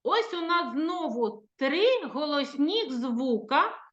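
A woman preschool teacher giving a lesson to young children, speaking slowly in a sing-song teacherly way and drawing out her words. She has a Ukrainian accent. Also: sits high, very animated, a bit bright. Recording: echoey room, dull lo-fi sound.

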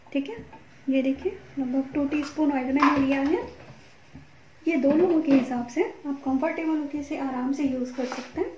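A woman's voice: sits high, normal speed, background noise. A woman hosting a home cooking tutorial, walking through each step in a chatty way and often saying "okay". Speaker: cooking channel host. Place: home kitchen at a gas stove. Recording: echoey kitchen with loud sizzling.

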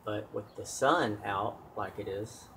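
A man's voice: fairly low pitch, slow pace, vocal fry, pushed and bright, slight background noise. A man filming his own equipment test with a handheld camera, talking plainly and rambling with fillers and restarts. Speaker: solar hobbyist vlogger. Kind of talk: casual off-the-cuff demo.

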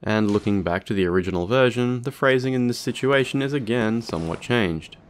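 A man reading scripted explanatory narration for a video in a measured, formal manner. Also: medium pitch.

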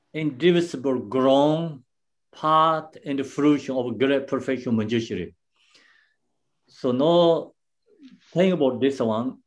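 Slow, halting male Buddhist teacher. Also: medium pitch. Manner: halting, unhurried explaining with many pauses and restarts; simple non-native English phrasing. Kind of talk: dharma teaching.

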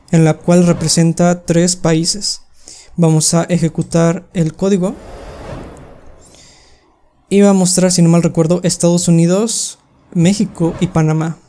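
Young adult webinar presenter, mellow tone, patient step-by-step explainer on a call mic. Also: mid-range voice. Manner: explains step by step with frequent "em" pauses. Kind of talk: screen-share coding tutorial. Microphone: computer mic on a video call.

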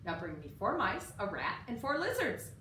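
A woman voicing a kindly, brisk fairy godmother in a storybook reading, giving instructions. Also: mid-range voice, big pitch swings, pushed and bright. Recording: roomy, distant mic, faint room noise.

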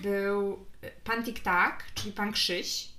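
A woman in her thirties hosting a casual family book podcast, gently prompting her daughter with questions and adding chatty asides. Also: medium pitch, fairly even intonation, slow pace, noisy background. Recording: echoey room.

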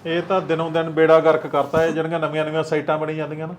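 A man's voice: a little high, completely flat delivery, racing, a little hiss or hum, close to an everyday voice. A middle-aged man playing a stern, protective village headman who scolds in a firm, fatherly way. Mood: concerned. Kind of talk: acted village drama dialogue.

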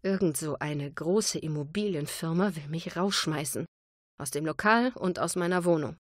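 A woman's voice: sits low, normal speed, no room sound, studio quality. A woman voicing a fiery young bistro owner and single mother who speaks heatedly and indignantly. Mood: dejected.

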